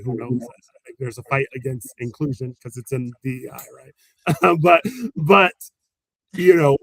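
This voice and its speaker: A special education teacher, a man with a fairly high, gravelly voice, answers interview questions like he's telling stories, laughing a lot and acting out quotes. The recording is dry and low in quality.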